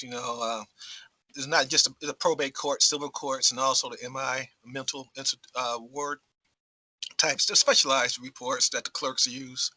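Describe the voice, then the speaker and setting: A man's voice: medium pitch, bright, forceful tone, dry recording, poor audio. A man on a video call, talking hesitantly with many fillers while eating lunch. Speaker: developer at a clerk's office. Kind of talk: casual chat.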